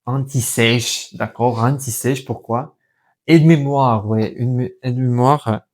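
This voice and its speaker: Man, Russian accent in French, young, slow pace, halting, searching for words, self-correcting, casual vlog, mellow tone. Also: mid-range voice, fairly even intonation. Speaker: vlogger and language learner. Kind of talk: casual unscripted vlog talk.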